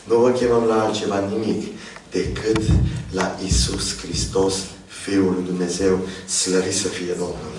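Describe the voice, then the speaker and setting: A man preaching a sermon to a congregation, swinging from soft, low asides to high, impassioned calls. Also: level tone, noisy background. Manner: addresses congregation as "dragii mei". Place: church hall. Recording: very echoey church hall from far off.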